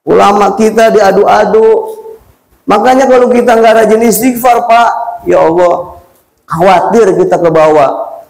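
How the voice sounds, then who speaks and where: A man preaching a sermon, telling a funny story in a joking, lively way. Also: sits high, measured pace, gravelly, pauses often. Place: prayer room. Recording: echoey prayer room.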